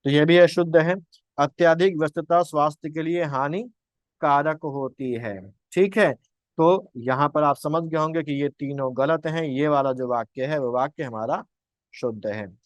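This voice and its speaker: A man's voice: on the high side, a little slow, no room sound. A young man teaching grammar for an exam. He poses questions, answers them himself, and keeps repeating his points. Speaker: exam-prep Hindi teacher.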